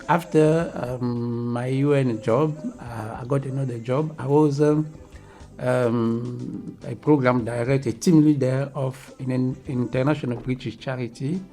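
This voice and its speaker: Guy from the congo being interviewed, mellow voice, lots of ums, faint music behind. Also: mid-range voice, steady tone. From Democratic Republic of Congo. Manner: halting, many ums and restarts. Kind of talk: recorded interview.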